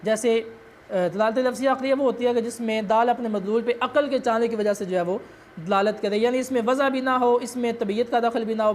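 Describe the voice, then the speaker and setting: A woman's voice: a little high, darkish tone, slight background noise. A woman teacher giving a lecture on a text, explaining step by step, asking herself questions and repeating key terms.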